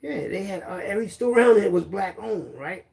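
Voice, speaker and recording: A man's voice: high-pitched, animated, fairly quick, creaky, a little mellow. A middle-aged man with a Philadelphia accent, telling loose, rambling street stories in casual slang. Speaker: storyteller guest. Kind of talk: casual storytelling.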